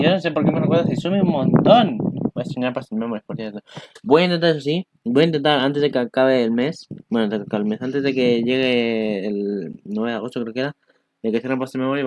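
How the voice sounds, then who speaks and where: An anime reaction YouTuber with a mid-range voice chats casually over an anime preview, rambling, exclaiming and swearing as he goes. The recording quality is low.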